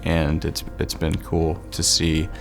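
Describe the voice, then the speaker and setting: A man from Southwest Missouri chatting in a relaxed way about dental care in an interview, with many fillers. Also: a bass voice, slow pace, creaky. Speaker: dental worker, scholarship nominee. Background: soft background music.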